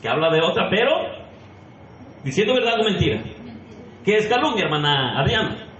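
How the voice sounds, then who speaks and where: A man's voice: high-pitched, big pitch swings, normal speed, a bit bright, echoey room, highs cut off. A man preaching a sermon as pastor, emphatic and questioning the congregation directly. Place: church sanctuary.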